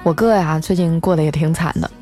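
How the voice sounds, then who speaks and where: A woman host telling a funny story in a lively, chatty way, dropping in many little filler particles. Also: low-pitched, quick pace, soft background music. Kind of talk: comic storytelling.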